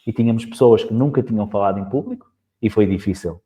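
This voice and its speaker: A man with a European Portuguese accent hosting a casual podcast interview, talking fast with halting restarts. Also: lowish voice, dark tone. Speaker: podcast host. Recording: tinny phone-like line.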